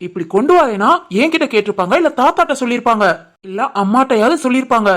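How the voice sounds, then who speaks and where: Cartoon young husband voiced by a woman, fairly high voice, Tirunelveli Tamil accent, insistent and scolding. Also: fast talker, lightly acted. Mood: reproachful. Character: young village husband, stubborn but loving. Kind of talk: animated family drama voice acting.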